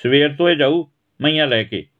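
A man's voice: on the high side, moderate pace, narrow, tinny audio, pitched above the performer's own voice, close to an everyday voice. A man voicing an angry village father who harshly scolds his son in a storybook reading. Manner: harsh, shouting reprimands.

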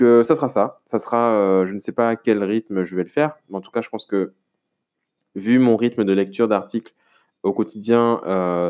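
Deep-voiced and darkish in tone, a man from France talks on his own podcast in a loose, rambling monologue. He addresses the listener casually, often restarting and leaning on fillers.

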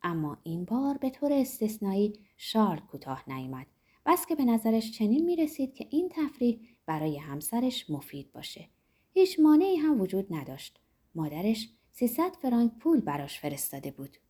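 A woman narrating a literary novel as an audiobook, in a measured, expressive storytelling manner. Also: fairly high pitch, breathy edge.

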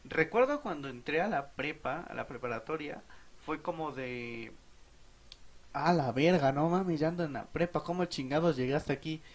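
A young man with a Mexican Spanish accent telling a casual, profanity-laced story about his school days for a podcast, animated and laughing. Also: on the high side, moderate pace.

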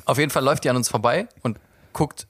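A man's voice: medium pitch, fast talker, slightly rough, no room sound, clean studio sound. A young man telling a story in casual chat, laughing often and acting out the people in it. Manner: animated, laughs often, acts out quoted people. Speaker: podcast co-host telling a story.

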